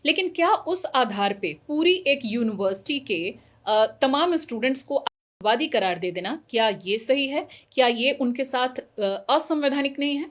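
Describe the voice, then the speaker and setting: A woman's voice: high voice, animated, unhurried. A woman interviewing a guest, pressing her with pointed, challenging questions.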